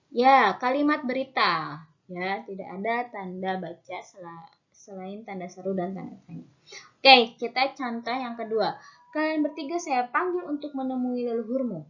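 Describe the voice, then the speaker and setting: A woman's voice: fairly high pitch, a bit bright, muffled recording. A woman teacher giving an online lesson to her students, patiently repeating key terms and talking with many fillers.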